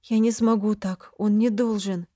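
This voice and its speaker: A woman's voice: mid-range voice, fairly even intonation, measured pace, mellow, pitched above the performer's own voice, natural voice. A woman voicing a frightened young mother who pleads and protests emotionally in an audiobook. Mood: desperate. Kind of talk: audiobook character reading.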